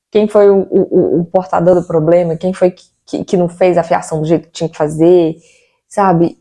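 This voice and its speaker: A woman's voice: lowish voice, dark tone. A young Brazilian woman with a Brazilian Portuguese accent, venting casually to her viewers about her home renovation and asking rhetorical questions. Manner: chatty and exasperated, with rhetorical questions. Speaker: vlogger.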